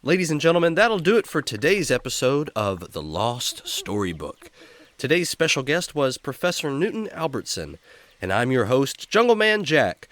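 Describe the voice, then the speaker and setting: In a kids' radio drama, a man with a mid-range voice plays an animated, upbeat jungle explorer hosting a children's story show. His lightly acted delivery is showy and cheerful, friendly and emphatic like a showman.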